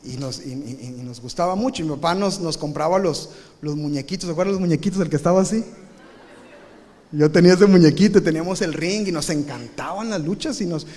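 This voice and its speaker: A man's voice: fairly high pitch, fairly quick. A male pastor preaching live, telling a comic childhood story with acted-out voices and sound effects. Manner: animated, acts out scenes with shouted sound effects. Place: large church, live service. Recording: reverberant live church hall.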